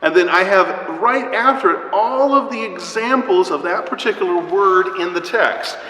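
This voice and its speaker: Speaking at a moderate pace in a high, bright and forceful voice, a man teaches Bible study at church. He breaks things down step by step, checking in with "right?" and "okay?" along the way, in an echoey hall with long reverb.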